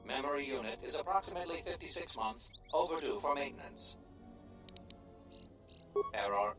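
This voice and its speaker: A damaged, malfunctioning service droid, voiced by a man, stiff, formal and halting as its memory fails. Its pitch swings widely between phrases. It sounds distant in the game mix, with music clearly playing underneath. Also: lively intonation, natural voice. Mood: glitching. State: malfunctioning, memory errors, broken casing. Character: damaged glitching male service droid, polite. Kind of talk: video game voice acting.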